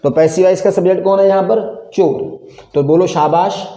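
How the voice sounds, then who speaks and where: A man's voice: high-pitched, fairly even intonation, normal speed, dark tone, roomy sound. A male English grammar teacher, lecturing classroom-style, drilling students with repeated questions.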